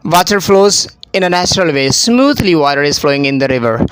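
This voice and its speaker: A man teaching an IELTS speaking lesson, his fairly high voice smooth and clear. He explains patiently and repeats key phrases. The sound is dry and close. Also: expressive, a little fast, a bit bright, no echo, poor audio. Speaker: English teacher.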